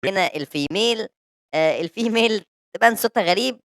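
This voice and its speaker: A man with an Egyptian Arabic accent testing a female voice-changer filter that raises his pitch, during a casual tech demo. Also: lively intonation, fast talker, a bit bright. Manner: short remarks testing the filter.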